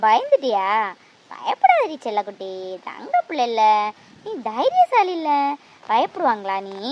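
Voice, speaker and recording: A woman's voice: high-pitched, highs cut off, exaggerated voice. A woman voicing a young cartoon mother caring for her two sick small children, coaxing tenderly and pleading in tears. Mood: soothing. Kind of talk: cartoon voice acting.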